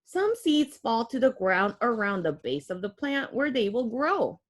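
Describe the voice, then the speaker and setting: A woman with a slightly high voice reads a picture book to young children at a measured pace, like a teacher. She reads expressively, gasping and exclaiming, and adds simple explanations along the way.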